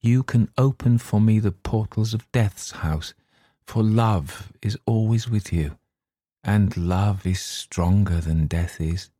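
A sorrowful, centuries-old ghost murmurs in a low, dreamy, faraway voice that drifts slowly, as a man reads him aloud in a storybook. His tone sits very deep. It is recorded close and dry, with no room sound. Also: dark tone, no echo. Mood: dreamy, longing. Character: weary centuries-old male ghost, sad and sleepless. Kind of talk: audiobook reading.

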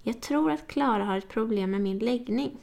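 A woman voicing touchy young Sara, raised pitch. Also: creaky, a little mellow. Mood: confiding.

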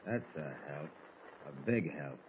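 An actor playing a gruff, menacing gang boss in a 1940s radio drama. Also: male voice, rumbling low, lively intonation, slow, exaggerated voice. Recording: tinny old radio recording, faint hiss.

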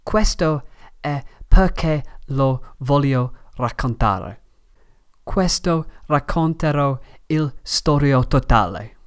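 A man from Manchester, a native English speaker with an English accent in Italian, narrating a scripted podcast as host in halting learner's phrasing. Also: medium pitch, clear, resonant tone. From Manchester, England.

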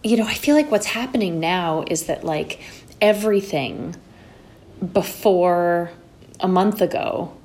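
A woman novelist talks as a guest in a casual chat, often restarting her sentences and filling gaps with "like" and "you know." Her voice sits slightly low. She was raised in New York. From Connecticut-born, raised in New York. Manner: halting, restarts, many "like" and "you know" fillers. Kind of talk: casual conversation.

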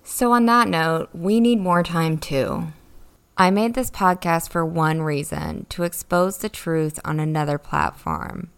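Low-voiced woman with creaky vocal fry. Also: lively intonation, measured pace. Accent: American. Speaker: podcast host and investigative journalist. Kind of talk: scripted podcast narration.

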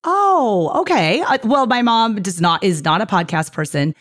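A woman in her thirties hosting a podcast, talking fast and chatty with frequent laughs. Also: medium pitch, lively intonation. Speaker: podcast host. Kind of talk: casual podcast chat.

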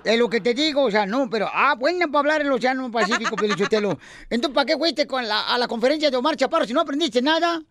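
A man's voice: extremely high pitch, fast talker, no room sound. A man hosting a comedy radio show, teasing his co-hosts and telling jokes. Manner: teasing, animated joke-teller. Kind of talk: joking radio banter.

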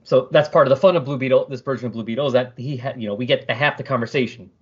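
A man's voice: medium pitch, very fast, lo-fi sound, a little hiss or hum. A male podcast co-host chatting about a comic issue and reading its captions aloud. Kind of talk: casual comic book discussion.

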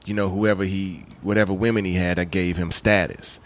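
Man from the Bahamas, storytelling guest, lowish register, animated and laughing. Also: fairly quick. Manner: animated, laughing, acts out voices. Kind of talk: casual storytelling chat.

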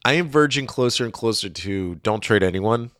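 A man's voice: fairly low pitch, lively intonation, moderate pace, fairly bright tone, dry recording, studio quality. A man co-hosting a sports podcast, talking things through casually with fillers and restarts. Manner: conversational, thinking aloud with fillers. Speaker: podcast co-host.

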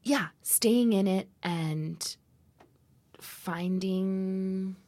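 A young woman from Miami, a podcast guest chatting casually and animatedly, often dropping into soft breathy asides. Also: mid-range voice, extremely slow. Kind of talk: casual interview chat.

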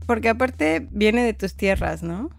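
A woman co-hosts a podcast with a joking, slangy, easygoing manner. Her voice is a bit high. Faint music runs underneath. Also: expressive, unhurried, gravelly. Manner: joking, slangy, laid-back. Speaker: podcast co-host. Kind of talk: casual chat.

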